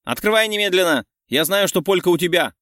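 A man voicing an excitable, hot-tempered young woman who shouts and squeals. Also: a little fast, dry recording, clean studio sound. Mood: furious. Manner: shrill, loud, squealing.

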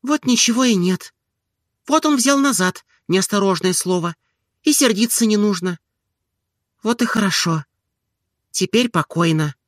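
A man reading an audiobook, voicing a proud, touchy young woman who is quick to take offence, in a high, lively voice. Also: no room sound, studio quality. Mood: flustered.

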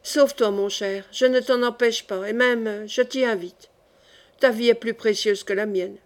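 A woman's voice: a little high, unhurried, close to an everyday voice. Woman reading as an earnest young nobleman. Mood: resolute. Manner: calm, stubborn, reasoning.

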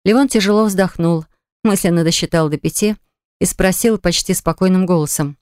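A woman's voice: lowish voice, moderate pace, darkish tone, smooth, dry recording. Woman narrating an audiobook, dry sound. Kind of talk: scripted narration.

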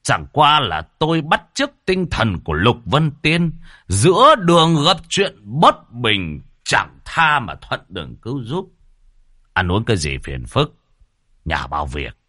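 A man's voice: wildly swooping pitch, a little slow, pushed and bright, dry recording, studio quality, full character voice. A man voicing a sly, boastful old man who talks with a smug drawl. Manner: smug low drawl, shifting to pleading.

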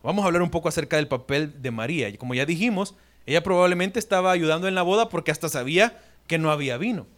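A male pastor preaching a sermon in an animated way, acting out quotes and asking the congregation questions. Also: high-pitched.

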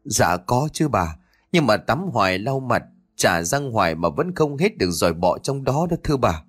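A man's voice: mid-range voice, sing-song, moderate pace, husky. A man voicing timid household servants answering their mistress deferentially.

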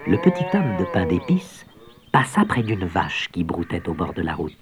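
A man narrating a children's storybook in a gentle, expressive read-aloud voice. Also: deep voice, moderate pace, crowd noise.

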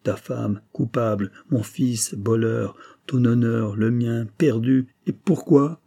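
A man's voice: mid-range voice, slow, vocal fry, mellow. A man reading aloud as a distraught middle-aged banker who speaks in an emotional, pleading way. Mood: urgent, anguished.

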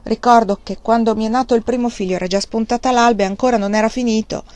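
A woman's voice: on the high side, fairly even intonation, quick pace, darkish tone, lightly acted. A cackling old farmer, a grandfather who chuckles through his words, as a woman reads him aloud. His lines are part of a storybook reading. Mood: grumbling.

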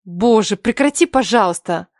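A woman's voice: mid-range voice, lively intonation, moderate pace, dry recording, clean studio sound, natural voice. A woman voicing Lera, a strict, sensible young woman who answers the phone sleepily and reproaches her friends. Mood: reproachful.

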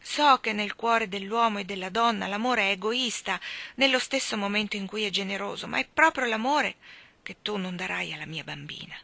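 A woman's voice: medium pitch, normal speed, creaky, pushed and bright, no echo. A woman reading as a humble, pleading young father. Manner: earnest, pleading.

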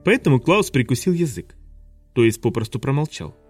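A man's voice: medium pitch, lively intonation, a little fast, no echo, faint music behind. A man narrating a children's story as an audiobook, expressively. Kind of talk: scripted narration.

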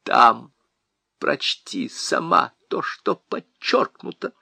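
A man's voice: fairly high pitch, huge pitch swings, slow, vocal fry, sharp tone, husky, no room sound, heavily acted. A man voicing a hysterical middle-aged male Soviet functionary who rants and shrieks in a frantic voice. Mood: agitated.

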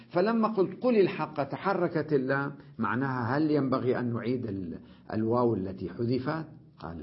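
Man, grammar teacher, husky voice, step-by-step explaining, dull lo-fi recording. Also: medium pitch. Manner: explains step by step, often checks "okay?"; repeats example words slowly. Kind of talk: recorded classroom lesson.

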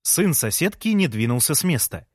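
A man reading a story aloud in a calm, first-person narration. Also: fairly high pitch, normal speed, slightly rough, dry recording, studio quality. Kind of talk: audiobook narration.

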